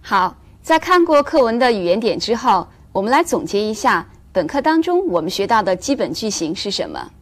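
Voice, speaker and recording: Woman teaching English in a clear, measured voice. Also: mid-range voice, sing-song. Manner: clear, measured explanation, slowing down for English examples. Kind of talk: recorded English lesson for Chinese learners.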